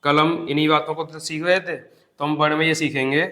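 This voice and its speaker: A man teaching a Hindi grammar lesson for exam preparation, explaining step by step, repeating definitions, asking the class rhetorical questions and drawing out example words slowly. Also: on the high side, little pitch movement, sharp tone. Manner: addresses students as "bhai". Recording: echoey classroom sound.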